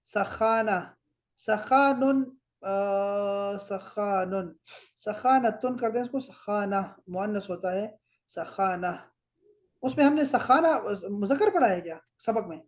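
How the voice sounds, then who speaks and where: A man from Pakistan teaching Arabic, correcting homework and explaining words slowly, one by one. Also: high-pitched.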